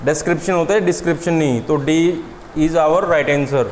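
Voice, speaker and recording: A man teaches an exam-prep class. His voice sits high, and he answers his own rhetorical questions. The classroom recording echoes with a long tail, and a faint hiss sits underneath. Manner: asks students questions and answers them himself; stresses English words slowly and deliberately. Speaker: English teacher. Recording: echoey room with long reverb and faint noise.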